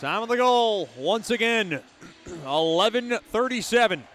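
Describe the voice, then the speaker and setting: A man's voice: sits high, expressive, a little slow, fairly bright tone, faint music behind. A man giving live hockey commentary as play-by-play announcer, describing the action in short, clipped phrases.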